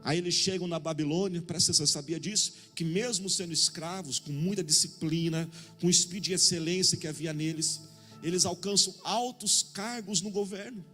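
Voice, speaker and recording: A man with a Brazilian Portuguese accent preaching a sermon in a jokey, animated way, acting out little dialogues and calling out to the congregation. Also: high voice, brisk, faint music behind. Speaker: pastor. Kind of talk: sermon with humorous anecdotes.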